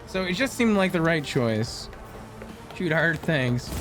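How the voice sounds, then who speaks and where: A man's voice: on the high side, sing-song, slow pace, over music. A man doing casual, playful live gameplay commentary and chatting to his viewers as a streamer. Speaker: video game streamer. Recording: game noise and gunfire behind. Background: video game gunfire.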